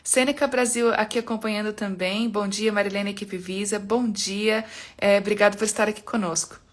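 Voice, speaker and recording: A woman's voice: medium pitch, steady tone, normal speed. Reassuring woman. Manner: explanatory, reassuring, frequent "né?" and "tá?" tags. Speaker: immigration consultant. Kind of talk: live Q&A stream.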